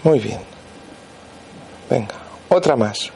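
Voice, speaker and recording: A man's voice: mid-range voice, expressive, slow, vocal fry, darkish tone, slight background noise. A man, a therapist guiding a volunteer through a live demonstration before an audience and checking in constantly as he instructs.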